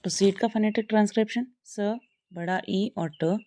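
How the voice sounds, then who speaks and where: A woman's voice: medium pitch, moderate pace, warm tone. A woman teaching phonetics, patiently repeating example words one by one. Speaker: English teacher. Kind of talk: classroom phonetics lesson.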